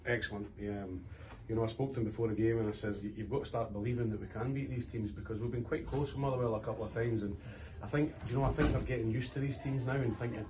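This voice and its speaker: A Scottish man in his forties, a football manager giving an animated post-match interview in a club room. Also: mid-range voice, quick pace, hardly any pauses. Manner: animated, gestures with his hands while talking. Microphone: camera from a few metres. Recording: distant camera mic, faint room hiss.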